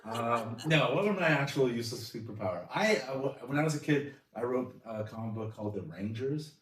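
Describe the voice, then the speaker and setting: A man's voice: medium pitch, expressive, fairly quick, crowd noise. A man, a comedian guest, chatting casually and rambling with crude jokey asides. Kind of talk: casual interview chat. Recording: roomy echo, distant mic.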